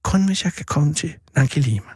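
A man reading aloud and voicing a weakened older brother who speaks softly and consolingly. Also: on the high side, breathy edge, no echo, clean studio sound. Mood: calm. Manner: soft, calm, consoling. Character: gentle, weakened older brother, calm and tender.

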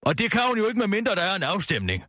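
A man's voice: sits high, huge pitch swings, bright, forceful tone, breathy edge, no room sound, studio quality, full character voice. A man voicing a bossy, scheming woman radio host who barks orders in a comedy sketch. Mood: wheedling. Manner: barking orders, rude.

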